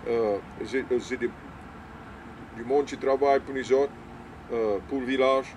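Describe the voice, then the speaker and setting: An older man from Louisiana with a Cajun French accent, chatting in a halting, repetitive way and mixing in English words. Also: mid-range voice, steady tone, noisy background. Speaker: small-town mayor being interviewed. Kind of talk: casual conversational interview.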